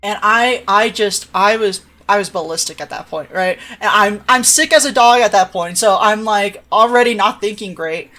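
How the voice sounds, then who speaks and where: A woman's voice: mid-range voice, moderate pace, few pauses, pushed and bright. A young adult woman telling a rambling story on a live stream, often tagging "right?" and restarting sentences. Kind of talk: casual storytelling chat.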